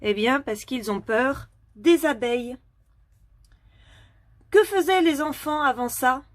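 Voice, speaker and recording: A woman leads a phonics lesson for small children, speaking very slowly and carefully. Her voice sits slightly high, and each word is articulated with patient clarity. The sound is dry and close, with no room echo. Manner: slow, clearly articulated, patient questioning. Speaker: teacher.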